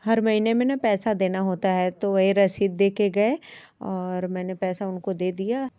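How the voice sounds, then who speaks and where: A woman's voice: mid-range voice, steady tone, normal speed, dark tone, clean tone, no room sound. A woman, chatting homely to viewers through her daily-routine vlog. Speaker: vlogger, housewife.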